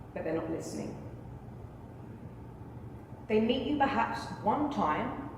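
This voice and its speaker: A woman with a lowish voice plays an impassioned trial lawyer addressing a jury in a courtroom dramatization speech, solemn and persuasive, deliberate and rhetorical. The recording is in a very echoey hall with faint noise.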